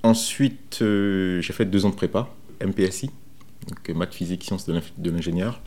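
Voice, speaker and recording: A software developer from Benin, interviewed about his career, gives an informal first-person account in a low, mellow male voice. His delivery is hesitant and halting, with frequent repetitions.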